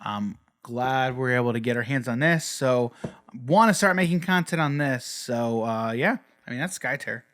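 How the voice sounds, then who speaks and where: A young man co-hosting a casual board game podcast, rambling with lots of fillers and letting his sentences trail off quietly. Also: medium pitch, expressive, normal speed. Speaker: podcast co-host. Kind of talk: casual chat about board games.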